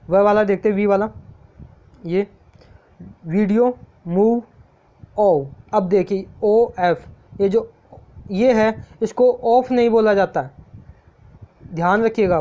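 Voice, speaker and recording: A man teaching a lesson, explaining step by step and patiently repeating each example word slowly. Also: high-pitched, dark tone. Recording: dull lo-fi recording.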